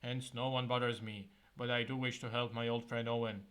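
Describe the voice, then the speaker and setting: A stern, tired old male wizard speaks calmly and gravely, laying out instructions in a measured, solemn way, as a man reading a gamebook puts him on. His voice sits at a middling pitch and stays close to an ordinary reading voice. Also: close to an everyday voice.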